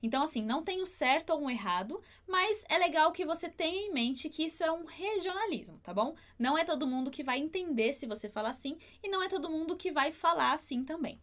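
High-voiced woman teaching pronunciation. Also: animated, fairly bright tone. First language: Portuguese. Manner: clear, patient, slows down to demonstrate sounds. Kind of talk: online language lesson.

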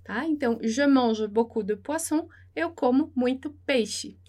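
A woman with a Brazilian Portuguese accent teaches a French lesson, repeating each phrase slowly and then translating it. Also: high voice, darkish tone. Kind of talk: slow, patient language lesson with repetition.

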